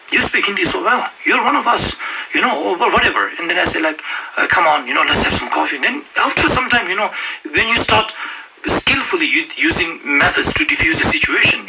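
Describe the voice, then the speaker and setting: A man from Ladakh, giving an informal Buddhist teaching with frequent "you know" fillers. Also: on the high side. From Ladakh, India. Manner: conversational, many "you know" fillers, laughs at stories. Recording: voice from a distance with clear background noise.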